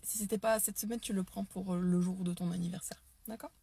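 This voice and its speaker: Woman talking live to her followers, husky gravelly voice, warm and dry, lots of ums and restarts. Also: mid-range voice, fairly even intonation, fairly quick, no room sound. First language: French. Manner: hesitant, many fillers and restarts, enthusiastic. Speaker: live stream host, dance and neurotraining teacher. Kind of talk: casual Facebook live talk.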